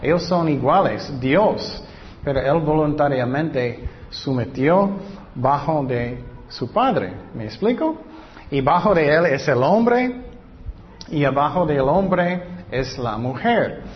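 A male preacher giving a sermon, reading Scripture slowly and then asking his listeners questions that he answers himself. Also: a little high, expressive, a little hiss or hum. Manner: reads Scripture slowly and deliberately. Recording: dull lo-fi recording.

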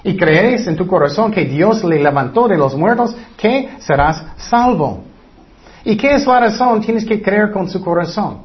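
A man preaching a sermon in halting Spanish with grammar slips, often asking the crowd rhetorical questions. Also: sits high, lively intonation. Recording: dull lo-fi recording.

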